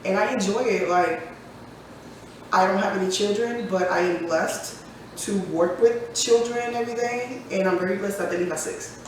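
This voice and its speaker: A woman's voice: mid-range voice, normal speed, slight background noise. Chatty woman in her forties. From United States. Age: 40s. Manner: chatty, laughs often, jokes. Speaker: podcast co-host. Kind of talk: casual chat. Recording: echoey room from far off.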